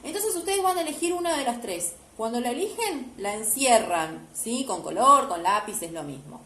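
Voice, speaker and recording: A woman's voice: fairly high pitch, sing-song, moderate pace, pushed and bright. Patient woman teacher, echoey room. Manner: patient, step-by-step, often checking with "¿sí?". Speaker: primary school teacher. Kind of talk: explaining homework to children. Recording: echoey room, faint background hiss.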